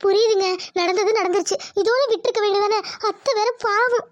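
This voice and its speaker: Cartoon: a meek, tearful young village wife, very high and dry. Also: female voice, a little fast, no room sound, lo-fi sound. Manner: pleading, polite, tearful.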